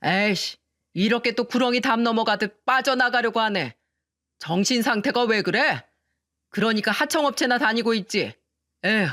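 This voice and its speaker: A woman voicing a drunken, arrogant middle-aged man who bullies his brother-in-law, with slurred, condescending shouting in a dry, close recording. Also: fairly high pitch, normal speed, no echo, natural voice. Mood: drunken taunting. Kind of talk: storytelling radio narration.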